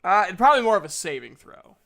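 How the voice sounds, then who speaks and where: A man's voice: high voice, very animated, fast talker, a bit bright. A man narrating as dungeon master of a tabletop game, hesitant and full of fillers. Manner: hesitant, many fillers and restarts.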